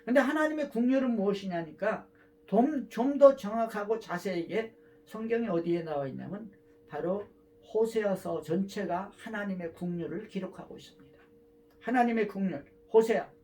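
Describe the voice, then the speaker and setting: A man preaching a sermon as a pastor, emphatic, moving between loud cries and soft asides. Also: high voice, moderate pace, slight background noise.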